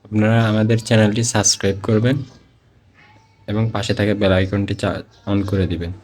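With a Bangladeshi Bengali accent, a man teaches Quran reading in a slow, step-by-step lesson, repeating each example word in drawn-out recitation. His voice is lowish and a little mellow, and his delivery is flat.

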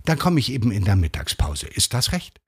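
A man voicing an excitable, pleading middle-aged wife in a read short story. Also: medium pitch, fairly quick, breathy edge, voice pushed up, full character voice. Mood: eager. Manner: breathless, pleading, fluttery.

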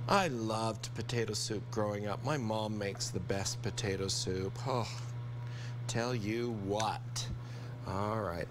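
A man's voice: on the low side, background noise. Upbeat older man doing a TV cooking demo. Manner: upbeat, enthusiastic, chatty. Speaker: TV cooking chef. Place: studio kitchen set.

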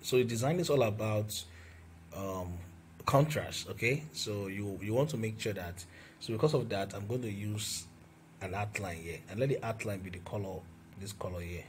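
In a screen-recorded software tutorial, a man with a lowish voice explains a graphic design process step by step while working, at normal speed, using fillers and restarting sentences. The recording is rough, with slight background noise.

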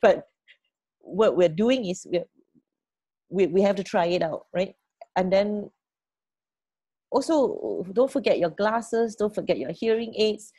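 A woman's voice: mid-range voice, slow pace, long pauses, dark tone, dry recording. A middle-aged woman leading an online team meeting on a video call, often repeating words as she thinks and checking in with "right?" and "okay?". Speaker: team leader.

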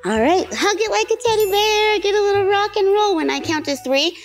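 A woman's voice: extremely high pitch, animated, a little fast, faint music behind. A young woman gymnastics coach giving an upbeat, encouraging lesson on a kids' show.

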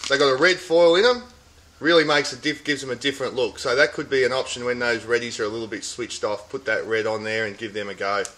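A man's voice: medium pitch, steady tone, fast talker, fairly bright tone, a little hiss or hum. A middle-aged Australian man hosting a weekly fishing report from inside a tackle shop, chatting about catches and specials in an upbeat sales patter. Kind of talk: casual product and fishing report. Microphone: camera at close range.

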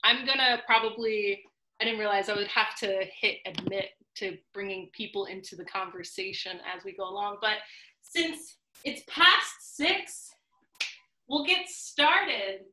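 Bright, chatty woman hosting a video call. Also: medium pitch, unhurried, reverberant. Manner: chatty, upbeat, lots of fillers. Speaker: host. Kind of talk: hosting a live online cooking class.

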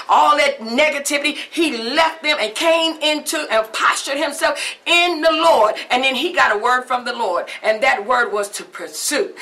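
A woman's voice: high-pitched, pushed and bright. A middle-aged woman preaching a sermon in a fervent, repetitive cadence, seated in a small studio and recorded close to the camera.

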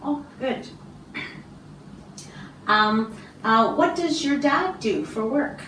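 A middle-aged woman from Canada, an English teacher giving a speaking test, slow and encouraging with many ums and throat clears. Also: fairly high pitch, expressive, fairly bright tone, slight background noise. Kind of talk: slow, patient test interview. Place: small classroom office, indoors. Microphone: far camera. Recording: roomy, distant camera sound.

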